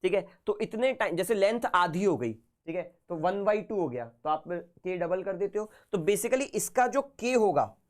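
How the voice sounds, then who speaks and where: Male physics teacher, hoarse throat, lively up-and-down delivery, casual live online class. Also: high-pitched, normal speed, few pauses. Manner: casual, chatty, talks to students informally.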